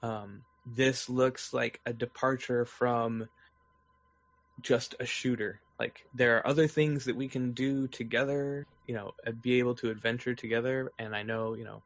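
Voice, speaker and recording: A man co-hosting a gaming podcast in casual chat, measured and thoughtful, with frequent restarts. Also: medium pitch, flat delivery. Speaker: podcast co-host.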